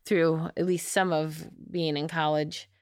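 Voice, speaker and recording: Smooth-voiced woman co-hosting a podcast. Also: sits low, little pitch movement, unhurried, dry recording, studio quality. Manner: warm, laughs often. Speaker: podcast co-host. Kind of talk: casual chat.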